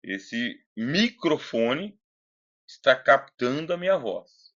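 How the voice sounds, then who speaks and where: A man's voice: mid-range voice, big pitch swings, slow, a bit bright. A man with a Brazilian accent giving an informal philosophy lecture in a conversational, didactic way, putting questions to the listener, close to the microphone. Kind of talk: informal recorded lecture with read-aloud passages. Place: closed room indoors. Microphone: close Bluetooth microphone. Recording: slightly dull, lo-fi computer audio.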